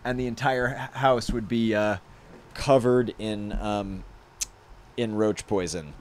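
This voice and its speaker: A young man with a lowish voice rambles through a casual fan Q&A, full of ums, laughs and animated asides. Faint noise hums behind him on a home livestream mic. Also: takes it slowly. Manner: rambling, lots of fillers and laughs, animated storytelling. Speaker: podcast creator hosting a live Q&A. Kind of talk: casual live chat with fans.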